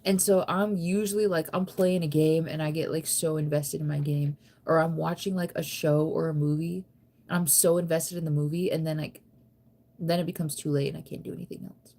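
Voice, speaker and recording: An American woman in her thirties with a deep, dark voice talks fairly quickly in a steady tone. She's a live streamer doing a casual late-night chat, reading and answering viewer comments. Her rambling, conversational style has a playful, self-teasing streak.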